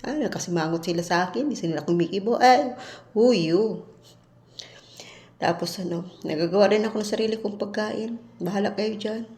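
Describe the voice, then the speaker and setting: A woman's voice: medium pitch, fairly quick. A woman from the Philippines, a domestic worker abroad, telling a story bluntly in a casual vlog and acting out the arguments she quotes. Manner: blunt, animated retelling with quoted exchanges. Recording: echoey room.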